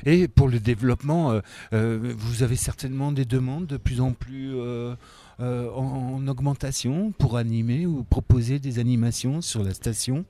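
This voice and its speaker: A man's voice: mid-range voice, moderate pace, mellow, no echo. A man interviewing a local official, asking long questions and searching for words with many fillers.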